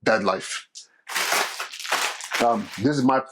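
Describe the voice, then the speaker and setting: Speaking slowly in a fairly low voice, this middle-aged Californian is a school principal who hosts his own podcast. His solo talk is casual and conversational, packed with fillers and restarts, and heavy background noise runs underneath.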